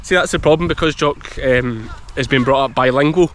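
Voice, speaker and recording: In an open farm field, a Scottish man in his thirties with a broad accent, a sheep farmer, films a casual vlog while speaking to a child and his sheepdog. He has a mid-range voice and talks at normal speed. Field noise is audible on the arm's-length action camera.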